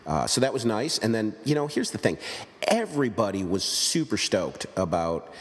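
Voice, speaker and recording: A man with a low voice chats as a podcast host, rambling and cracking jokes at his own expense. His voice carries a long reverb tail. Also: sing-song, normal speed. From United States. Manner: joking, rambling, self-deprecating. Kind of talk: casual podcast chat.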